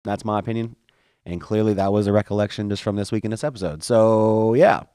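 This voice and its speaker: A man co-hosting a casual podcast, plain-spoken and unhurried. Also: lowish voice, dark tone, no echo, studio quality. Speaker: podcast co-host.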